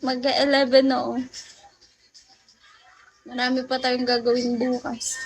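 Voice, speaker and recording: A woman's voice: sits high, little pitch movement, unhurried, husky. A woman from the Philippines chatting casually with viewers on a late-night phone livestream, telling stories and laughing often.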